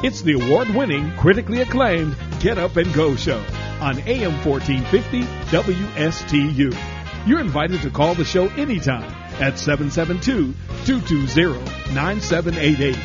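Booming male radio show announcer. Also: very animated, moderate pace. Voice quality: showy announcer delivery. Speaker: station announcer. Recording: muffled radio recording with music bed.

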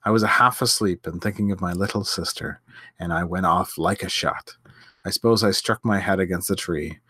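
A man's voice: sits low, moderate pace, sharp tone, slightly rough, no room sound, studio quality, heavily acted. A man doing an earnest, sober young man. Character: sturdy young man, warm big brother.

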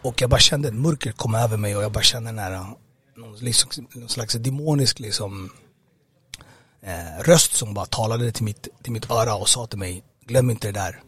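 A man giving a personal testimony in an interview. He talks conversationally and haltingly, with many fillers and repeated words. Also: lowish voice, a bit bright, no room sound. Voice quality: husky. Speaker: interview guest.

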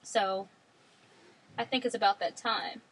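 A woman's voice: mid-range voice, fairly even intonation, a little slow, husky, low-quality recording. A woman co-hosting a podcast in casual chat, blunt and joking, swearing casually. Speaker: podcast co-host.

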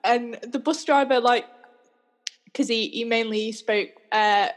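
A young woman co-hosting a podcast, telling a story in a chatty, animated way and laughing often. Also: on the high side, slow. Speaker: podcast co-host. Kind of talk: casual storytelling chat.

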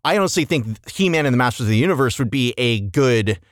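Lively man chatting on a podcast. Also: medium pitch, fast talker, no echo, studio quality. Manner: emphatic, sweary, analytical. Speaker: podcast host. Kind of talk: casual opinionated review chat.

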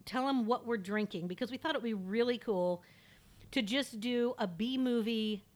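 Woman, chatty podcast co-host, quick quips, slightly high voice. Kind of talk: casual horror podcast banter.

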